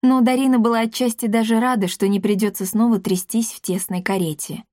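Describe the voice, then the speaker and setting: A woman narrating an audiobook in a measured storytelling manner. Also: on the high side, fairly even intonation, darkish tone, no room sound, studio quality. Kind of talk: scripted narration.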